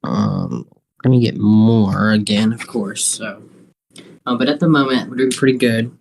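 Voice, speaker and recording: A man hosting an unscripted live weather stream, thinking aloud in a halting, repetitive way. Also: fairly low pitch, fairly even intonation, gravelly, a little mellow, rough recording.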